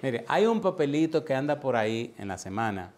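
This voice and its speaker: A man's voice: medium pitch, very animated, brisk, a little mellow. A man preaching an evangelistic sermon, telling a personal story with animation and putting direct questions to his listeners. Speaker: pastor. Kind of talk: evangelistic sermon with altar call.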